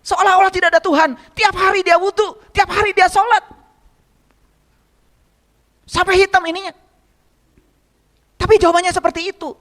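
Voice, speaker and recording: A man preaches in a strikingly high voice, teaching his congregation in an easy, conversational way. He repeats phrases for emphasis and keeps turning to his listeners with rhetorical questions. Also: a bit bright. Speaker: religious teacher. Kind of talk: sermon.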